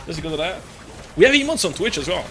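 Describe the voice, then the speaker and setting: Over background noise, a young man with a high, sing-song voice talks quickly while playing on a gaming live stream. He rambles in slang, playfully exasperated and prone to swearing.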